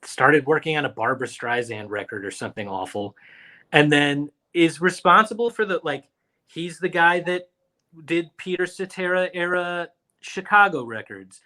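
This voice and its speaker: A man's voice: on the high side, moderate pace. A man co-hosting a podcast, telling stories in casual chat and mimicking the people he talks about. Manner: animated storytelling, quoting people in mock voices. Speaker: podcast co-host.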